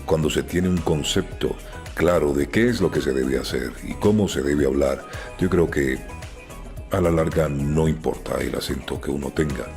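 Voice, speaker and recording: A man with an extremely low, deep voice answers interview questions in a slow, considered way. He comes across as reflective. Soft music plays beneath him. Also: creaky. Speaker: dubbing professional.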